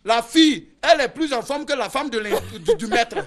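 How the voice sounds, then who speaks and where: A man with an Ivorian French accent performs a comic monologue as a village schoolteacher, animated and often laughing. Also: extremely high pitch, moderate pace. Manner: animated storytelling with frequent laughter. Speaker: comedian playing a village schoolteacher.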